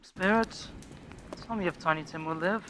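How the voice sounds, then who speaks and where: A man's voice: sits high, moderate pace, a little hiss or hum. A man playing Ebenezer Scrooge as a fearful, repentant old miser in a radio play, pleading in earnest, formal period language. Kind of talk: radio play acting of a Victorian story. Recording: loud music under the voice.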